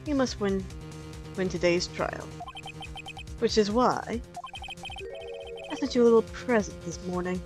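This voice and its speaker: A woman playing a measured, falsely polite and menacing male kidnapper in a video game. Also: medium pitch, music in the background, natural voice. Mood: calm menace. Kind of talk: amateur video game voice-over.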